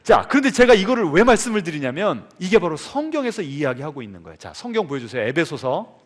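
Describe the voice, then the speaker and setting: A man's voice: fairly high pitch, big pitch swings, quick pace. A male pastor preaching a sermon, telling a story and putting questions to the congregation. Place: church sanctuary. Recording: long church reverb.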